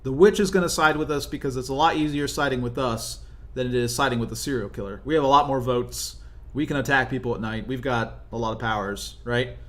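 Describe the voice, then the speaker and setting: A young man giving casual, explanatory commentary over his own gameplay, often tagging his points with quick check-ins to the listener. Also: medium pitch, fairly bright tone. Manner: conversational, explanatory, frequent "right?" tag questions. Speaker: gaming video commentator.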